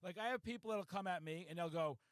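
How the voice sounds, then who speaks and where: A man in his forties hosting a podcast in a hyper, loud, profanity-laced ranting manner. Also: high-pitched, quick pace, no echo. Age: 40s. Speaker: podcast host. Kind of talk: casual podcast chat.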